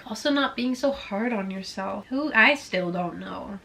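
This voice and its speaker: This vlogger is a woman of roughly twenty whose native tongue is Swedish, bubbly and chatty as she answers viewers' questions and leans heavily on "like." She sounds mid-range, creaky and sharp, animated but in no hurry.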